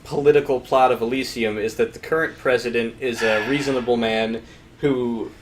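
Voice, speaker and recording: A man's voice: mid-range voice, steady tone, moderate pace, background noise. Male co-host, mid-range voice, loose chatty plot recap. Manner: explains plot at length, acts out quoted lines. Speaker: movie review show co-host. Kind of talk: casual chat.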